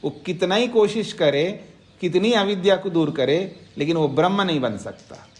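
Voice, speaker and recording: A man's voice: sits high, expressive. A man teaching a scripture class, reciting Sanskrit verses and explaining them line by line, repeating phrases so students can write them down. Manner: slow, repeats phrases for dictation. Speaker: Vedanta teacher. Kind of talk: scripture lecture. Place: ashram class.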